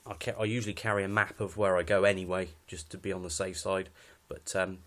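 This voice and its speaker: A British-accented man casually shows off his kit in an unscripted walkthrough, sounding understated, matter-of-fact and a bit hesitant. His voice is low-pitched and somewhat bright, with a level tone, and he talks fast. He presents as a hobbyist.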